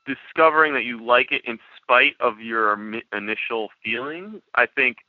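A man's voice: medium pitch, moderate pace, no room sound. A male podcast host asking curious questions and agreeing often in a casual interview. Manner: curious, with lots of agreeing backchannels. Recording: dull lo-fi dry sound.

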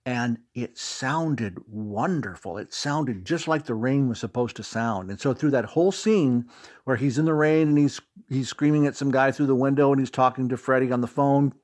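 A middle-aged American man from Fort Wayne, Indiana, speaks at a medium pitch and moderate pace, his voice a little mellow. He's an audio drama creator and stage actor, chatting as an interview guest and telling anecdotes with emphatic stresses.

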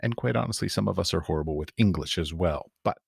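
Deep-voiced American man, rambling host. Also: fast talker, gravelly, breathy edge, dry recording, clean studio sound. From United States. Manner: rambling, animated, lots of fillers. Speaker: podcast host. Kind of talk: casual interview chat.

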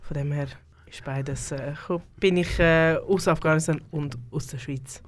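A woman speaks with a Swiss German accent as a studio guest on a radio talk show. She hesitates often, filling pauses and restarting her sentences. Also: low-pitched, steady tone. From Switzerland. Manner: hesitant, many fillers and restarts. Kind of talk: radio interview.

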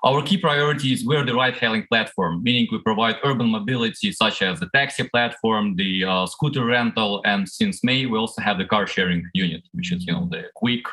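A man with a fairly low but bright, forceful voice talks as a panel guest. He explains his work in an articulate, structured, conversational manner. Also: a little fast, hardly any pauses, low-quality recording. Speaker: regional manager, panel guest.

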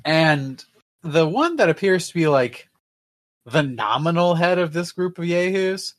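Male game master narrating a tabletop game, wry and rambling, animated pitch, slow pace. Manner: rambling, wry, with many fillers.

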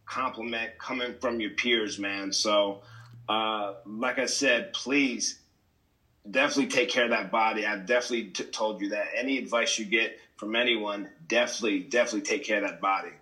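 A man's voice: on the low side, fairly even intonation, moderate pace, bright, forceful tone, low-quality recording. A man, a veteran pro wrestler, talking earnestly about his career and giving advice with hesitant restarts. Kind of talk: casual interview chat.

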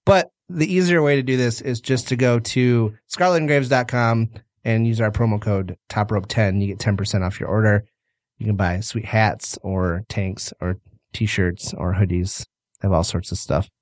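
A man's voice: on the low side, steady tone, normal speed, dry recording, clean studio sound. Joking podcast co-host man. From Detroit area. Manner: joking, laughs often. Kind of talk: casual chat and sponsor reads.

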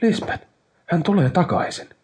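A man's voice: sits high, sing-song, darkish tone, slight background noise, voice pushed up. A man voicing a grief-crazed male inventor in an audiobook, talking in frantic, strained, raised outbursts. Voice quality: strained, tense voice. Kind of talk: dramatic audiobook reading.

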